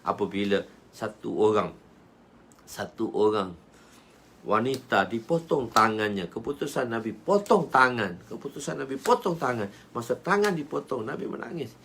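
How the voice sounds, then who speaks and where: Male religious teacher, Malaysian Malay accent, hadith lesson; lively swinging pitch, bright forceful tone, acts out quotes. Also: moderate pace, a little hiss or hum. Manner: animated, acts out quoted speech.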